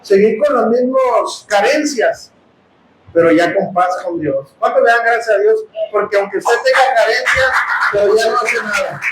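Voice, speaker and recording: A man with a Mexican accent preaching a sermon testimony, impassioned and often bursting into shouts as he addresses his brothers. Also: high-pitched, moderate pace, reverberant, noisy background. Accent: Mexican Spanish. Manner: impassioned, bursts into shouting, calls listeners "hermanos". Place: house of prayer.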